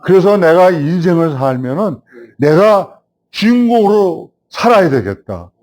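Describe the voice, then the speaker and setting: A man in his seventies, a film director, telling a host stories from his past and growing animated as he recalls it. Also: sits high, a little slow. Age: 70s. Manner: animated storyteller, rising when recalling the past. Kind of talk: reminiscing storytelling.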